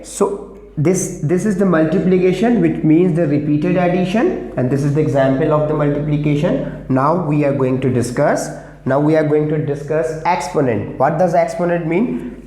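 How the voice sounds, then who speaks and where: Guy teaching maths, real slow and repetitive, mellow voice, echoey room. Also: a little high. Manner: slow, repetitive explaining, calls students beta. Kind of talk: classroom lesson mixing English and Hindi.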